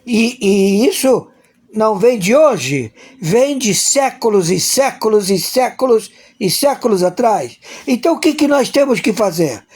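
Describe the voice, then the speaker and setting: A man's voice: high voice, big pitch swings, a little slow, a little mellow, breathy edge. A man giving a crude, profane political rant in an emphatic, repetitive way, acting out imagined dialogues.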